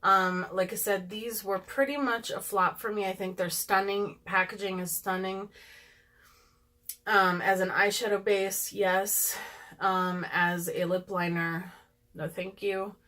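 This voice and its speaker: A woman's voice: medium pitch, fairly even intonation, unhurried, pushed and bright. A woman talking casually and candidly to her viewers as she reviews makeup products, with frequent ums and asides. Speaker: beauty vlogger.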